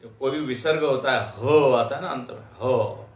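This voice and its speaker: Slow patient male Sanskrit teacher. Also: medium pitch. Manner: slow, patient explaining, sounds out syllables one by one. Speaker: Vedanta teacher. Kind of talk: spiritual lecture class. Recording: echoey lecture hall.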